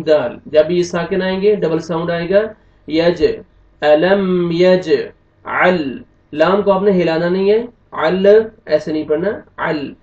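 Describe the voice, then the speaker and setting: A man with a Pakistani Urdu accent teaching Quran recitation, spelling out syllables and then chanting the verses slowly between brisk explanations. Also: high-pitched, gravelly, a little mellow. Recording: dull lo-fi room echo from a distance.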